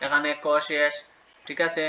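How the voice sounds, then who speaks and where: A man's voice: a little high, level tone, normal speed, bright, forceful tone, lo-fi sound. A man teaching a children's math lesson step by step, patiently asking questions and answering them himself.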